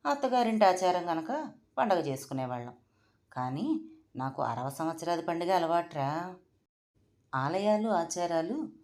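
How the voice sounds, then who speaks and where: A woman voicing a domineering elderly mother-in-law who scolds the household cook in a loud, raised voice. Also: fairly low pitch. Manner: shouting, scolding, nostalgic.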